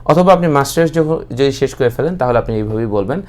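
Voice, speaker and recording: A young man with a Bangladeshi accent teaching an English class, explaining steadily and slowing right down for model sentences. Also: medium pitch, lively intonation, darkish tone. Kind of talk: online English class, mixing Bengali and English.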